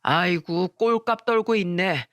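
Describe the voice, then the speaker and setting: A woman's voice: mid-range voice, moderate pace, fairly bright tone, dry recording, natural voice. Woman reading a blunt middle-aged cabbie, sarcastic, dry close recording. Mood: sneering. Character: blunt sneering middle-aged male taxi driver.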